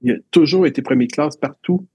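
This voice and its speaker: This man's voice is on the high side, quick and warm with a breathy edge, in a lo-fi recording with no room sound. A teacher with a Quebec French accent, he reflects on his schooling during a casual interview, telling stories with many restarts.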